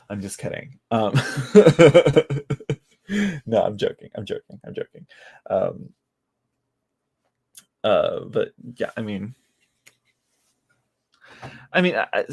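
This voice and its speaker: Late-twenties tarot reader, gravelly and chatty, rambles and restarts a lot, teases himself. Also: male voice, lowish voice, a little mellow. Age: late 20s. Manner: rambling, self-mocking, many restarts. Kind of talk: casual live-stream chat.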